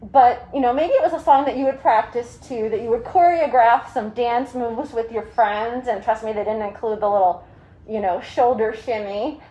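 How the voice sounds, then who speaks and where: A woman's voice: on the high side, moderate pace, dark tone, muffled recording. A woman hosting a casual live video chat through a mask and face shield, rambling along with jokey asides. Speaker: livestream host.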